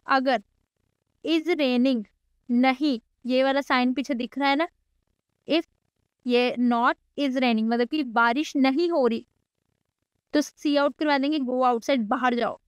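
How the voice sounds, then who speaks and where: A woman's voice: sits high, clean tone, dry recording, highs cut off. A woman teaching a coding lecture in a chatty way, mixing English code terms into Hindi and adding teasing asides to her students. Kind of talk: casual screen-recorded coding lecture.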